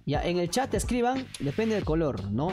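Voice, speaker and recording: A woman's voice: lowish voice, big pitch swings, normal speed, music in the background. A woman, streaming and chattily coaxing her viewers to join a chat game. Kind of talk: casual livestream chat hosting a chat game.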